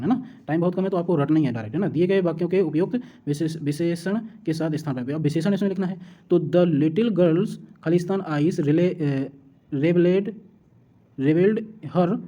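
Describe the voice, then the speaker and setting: A woman tutor works through exam questions at a brisk, rapid clip. Her voice is dark and mellow. She asks each question aloud, answers it herself, and keeps checking that her students follow. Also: deep voice. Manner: repeats her own questions, then answers them; checks in with "है ना" often.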